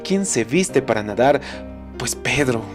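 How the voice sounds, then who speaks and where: Earnest male pastor over soft music. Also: mid-range voice, expressive. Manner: dramatic storytelling, slowing down for emphasis; addresses the listener directly and earnestly. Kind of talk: recorded devotional sermon. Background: soft instrumental music.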